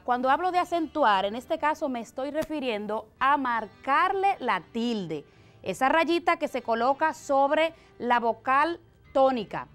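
A woman teacher with a Dominican accent, explaining a language lesson for television slowly and deliberately, step by step. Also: high voice.

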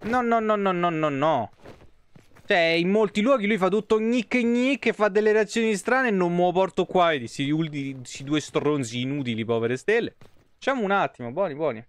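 Animated and smooth, with a high voice at a moderate pace, an Italian streamer in his thirties plays a video game live from home. He chats with viewers and commentates casually, with lots of foul language, into a close streaming microphone.

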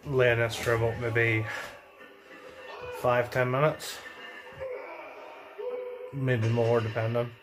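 A man's voice: medium pitch, flat delivery, slow, pauses often, over music. A young man talks casually to camera in a home fitness vlog, easygoing and plain-spoken, with frequent fillers. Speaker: fitness vlogger. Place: home, garage gym and living room.

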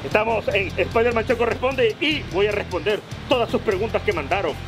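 A man with a high voice, speaking a little fast over background music, plays a brash, foul-mouthed comic superhero answering fan questions. The crude, mocking vlog is shot outdoors by a river and packed with insults and slang.

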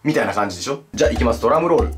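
A young man hosting a casual comedy video, joking and complaining with quick swings in his voice. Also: medium pitch, expressive, noisy background. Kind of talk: casual comedic chat with impressions.

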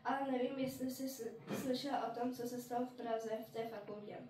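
A woman's voice: on the high side, steady tone, background noise, close to an everyday voice. Troubled young patient, as a woman reads her out. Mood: despairing. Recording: roomy venue, distant mic.

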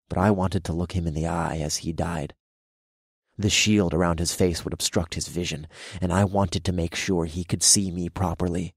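A man narrating an audiobook in the first person, with a dark, gloating storytelling manner. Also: low voice, dry recording, studio quality.

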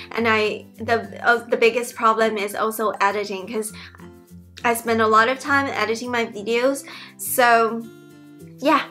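Speaking from her bedroom in a casual Q&A vlog, the YouTuber and PhD student has a slightly high, pushed, bright voice. She is young, with a Mandarin Chinese accent, and keeps things chatty and earnest while frequently starting her sentences over.

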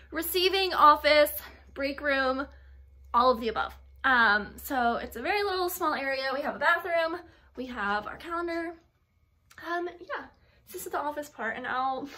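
A woman's voice: high voice, pushed and bright. Chatty young woman vlogging from her phone. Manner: chatty, filler-heavy, frequent "like" and "um". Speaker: gift box business owner. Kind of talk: casual vlog chat. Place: inside a parked car, then a small warehouse office. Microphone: phone camera held at arm's length.

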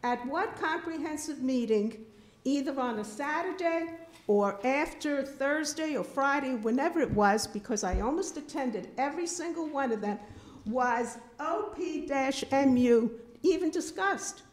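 At a town board meeting, an older woman delivers an indignant public comment into a podium microphone, her high voice animated and a little slow. She speaks emphatically and repeats herself, captured by a distant camera in the meeting room.

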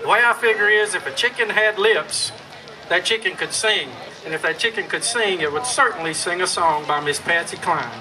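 A man's voice: high-pitched, moderate pace. A middle-aged man from Alabama giving wry, mock-formal comic patter as a contestant on an outdoor stage. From Birmingham, Alabama. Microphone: handheld microphone held to him. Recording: outdoor stage, faint crowd noise.

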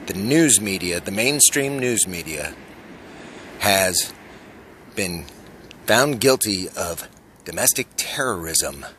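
A man's voice: fairly low pitch, fairly bright tone, a little hiss or hum. A man in his forties vlogging to a phone held at arm's length on a city street at night, earnest and urgent, posing rhetorical questions. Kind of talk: selfie street vlog monologue.

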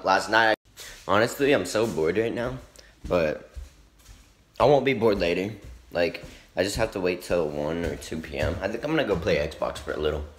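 A man's voice: sits low, a little hiss or hum, poor audio. A man chatting casually into a handheld phone for his vlog, rambling with lots of fillers. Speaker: vlogger. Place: at home, then a school cafeteria.

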